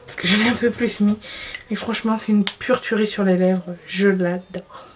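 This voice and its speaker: A woman's voice: mid-range voice, fairly even intonation, normal speed, breathy edge. A young woman chatting casually about her favorite makeup, giggling, restarting sentences and poking fun at herself. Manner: chatty, giggly, self-deprecating, frequent restarts. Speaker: beauty vlogger.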